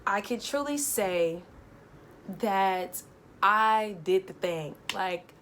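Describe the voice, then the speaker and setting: A young woman vlogger telling a casual, animated travel story, full of fillers. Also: medium pitch, drawn-out words, a little hiss or hum.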